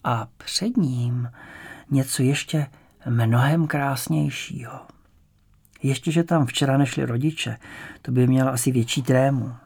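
Gravelly male audiobook narrator. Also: mid-range voice, darkish tone. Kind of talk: scripted narration.

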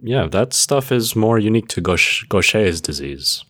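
A man's voice: lowish voice, very animated, normal speed, a bit bright, no room sound. A man co-hosting a casual educational podcast, walking through medical facts with playful mnemonics. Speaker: podcast co-host.

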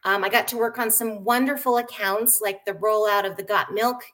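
A middle-aged woman from San Diego, born in Japan, chatting as a guest with many hesitant pauses. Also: mid-range voice, steady tone, a bit bright. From born in Japan, raised in San Diego. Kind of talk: casual conversation.

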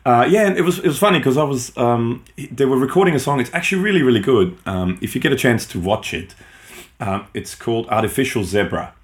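Medium-pitched and a little fast, a middle-aged man co-hosts a podcast, his first language German from an Austrian upbringing. The chat is loose and rambling, with plenty of ums, false starts and self-corrections.

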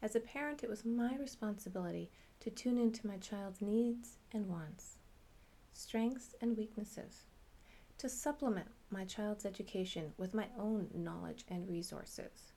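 A middle-aged woman and parent hosting a podcast, telling her family's story in measured, earnest scripted narration. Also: medium pitch, mellow.

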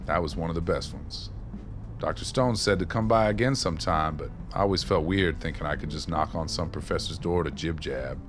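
In a radio play with some background noise, a man with an extremely low voice speaks fairly quickly. He's an actor playing a streetwise, wry former maintenance man who reminisces, spinning his stories in a folksy, colloquial way.

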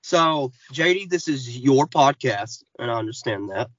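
A man's voice: mid-range voice, lively intonation, measured pace, a bit bright, no room sound, muffled recording. A man on a casual podcast who talks in an angry, sarcastic way. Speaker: podcast regular.

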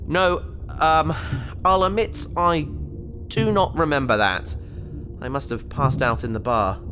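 An actor in a sci-fi audio drama voices a cheerful, naive young man trapped in an alien's fish tank, who rambles breezily and justifies himself to get around trouble. His voice is on the high side and close to an everyday voice, unhurried, with music in the background.

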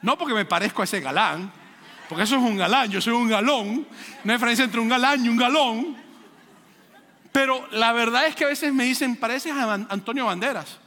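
A man from Venezuela preaching a sermon to a congregation, animated and joking with them. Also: very high-pitched, fairly quick. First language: Spanish. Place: church hall with congregation. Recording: live hall reverb.

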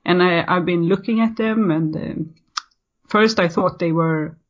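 In a relaxed podcast interview, a thirties-aged guest from Sweden talks in a fairly low voice at a measured pace, her Swedish accent clear. She hesitates a lot, filling gaps and restarting her sentences. The recording comes through muffled and lo-fi.

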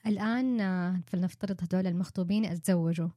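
A woman hosting an interview, asking clear, structured questions with examples. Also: lowish voice, quick pace, dark tone, no room sound, clean studio sound. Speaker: podcast host.

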